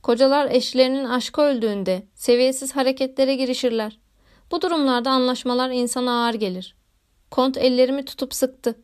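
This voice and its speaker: A woman reading a classic novel aloud in a measured, literary narration. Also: sits high, steady tone, clean tone. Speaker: audiobook narrator. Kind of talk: scripted narration.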